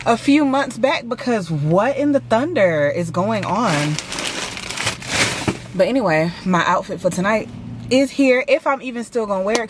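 This Georgia woman in her 30s has a lowish voice and talks to viewers in a relaxed, slangy vlog while doing errands between the car and various stores. The recording is low quality, with a little hiss or hum.

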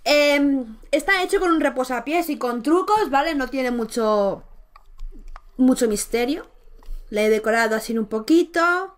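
A woman's voice: high voice, animated, measured pace. A woman from giving chatty, affectionate gameplay commentary as a Let's Play host, cooing over a baby character with many exclamations.

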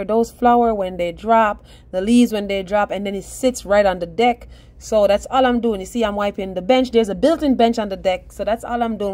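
A middle-aged woman in a casual, rambling voice-over for her home DIY vlog, talking to viewers as guys. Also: fairly high pitch.

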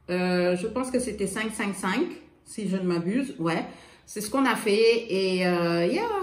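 A woman from Senegal chatting excitedly to viewers in a casual unboxing vlog, dropping in English phrases, with a slight lisp. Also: on the high side. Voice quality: slight lisp from dental appliance. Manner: excitable, exclaiming, addresses viewers directly; drops English phrases into speech. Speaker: vlogger showing a gift swap parcel. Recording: roomy echo, faint noise.

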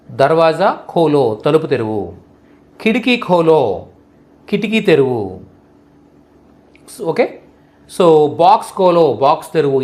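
A man teaching Hindi vocabulary, slowly repeating each word and checking that the listener understands. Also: on the high side, darkish tone. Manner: slow, repetitive, checks understanding with questions. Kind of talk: vocabulary lesson explained in Telugu.

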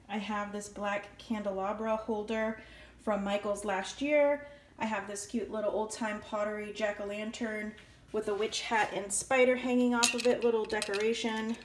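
Chatty woman in an echoey room. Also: a little high. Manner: chatty, upbeat, lists prices and stores. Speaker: home decor vlogger. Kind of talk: casual show-and-tell narration. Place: indoor room at home.

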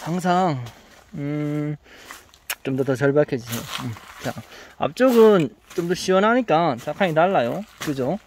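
A man's voice: on the high side, lively intonation, measured pace, slight background noise. A man with a Gyeongsang accent, a crop consultant talking through a field visit, questioning and teasing as he coaches. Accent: Gyeongsang Korean. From Gyeongsang region, Korea. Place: outdoors in a farm greenhouse.

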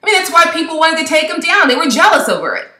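A woman with a high, bright voice preaches with fervor, stacking up rhetorical questions as she speaks to camera. The sound is roomy and echoey, as if she is recording in a bare room. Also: big pitch swings, quick pace. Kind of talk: impassioned devotional talk to camera.

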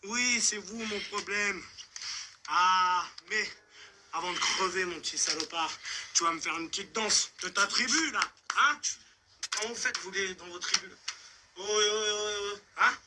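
An actor playing a menacing, sadistic bigoted male concierge who taunts his victim, shifting from soft coaxing threats to shouts. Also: high voice, unhurried, background noise. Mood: taunting. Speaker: racist concierge attacking a man.

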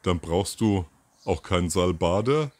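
This deep, darkish voice belongs to a man in his fifties hosting a commentary show solo and outdoors beside a garden. He's animated but a little slow, rambling with plenty of fillers and self-corrections into a furry-windscreened mic near the camera.

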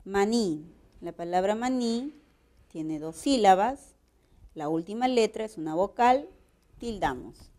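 A woman with a Peruvian Spanish accent, teaching a grammar lesson in a slow, explanatory way and checking in with rhetorical questions. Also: mid-range voice, expressive, dark tone.

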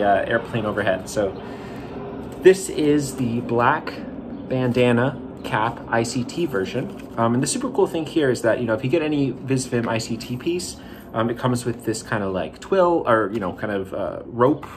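An excited man hosts a casual review vlog, stopping often with "um" as he points out details. His voice sits at an ordinary middle pitch. Faint outdoor ambience hums behind him. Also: a little hiss or hum. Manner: enthusiastic, many "um" fillers. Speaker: YouTube host reviewing a cap. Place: outdoors, airplane overhead.

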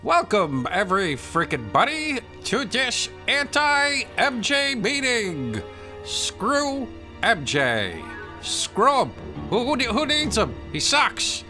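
A man's voice: very high voice, very animated, very slow, pushed and bright, faint music behind, voice pushed up, exaggerated voice. A man voicing a jumpy, blustering cartoon cat who leads a villains' meeting. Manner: ranting, easily startled, blustery. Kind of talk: English-speaking comic character skit.

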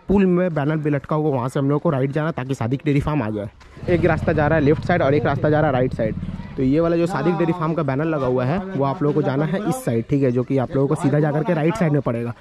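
On a noisy outdoor handheld recording full of ambient sound, a young man from India gives a casual walking vlog and farm tour through village lanes and a cattle shed, pointing out directions. His voice is warm and on the high side, and he explains things to viewers repetitively and instructively, camera at arm's length.

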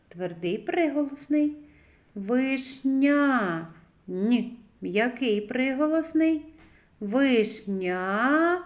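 A woman gives a reading lesson to small children, stretching out every sound. Her voice sits a little high and her pace is extremely slow. The room is echoey, and the recording sounds dull and lo-fi. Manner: slow, deliberate, stretched syllables. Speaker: teacher.

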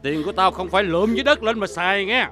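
A man's voice: high voice, racing, sharp tone. An actor playing a menacing male moneylender who bullies and threatens a poor debtor in a TV crime drama. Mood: threatening. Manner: threatening, bullying, leering. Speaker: loan shark.

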